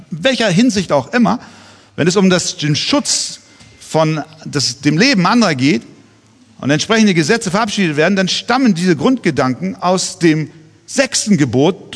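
German pastor preaching in a reverberant church. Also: male voice, on the high side. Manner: earnest, with many pointed rhetorical questions. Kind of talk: sermon.

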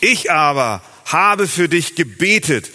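A man interprets a sermon live, earnestly repeating each phrase just after the preacher speaks it. His voice is high and bright. It echoes with a long reverb in a large hall, and soft music plays underneath. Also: sing-song, slow pace.

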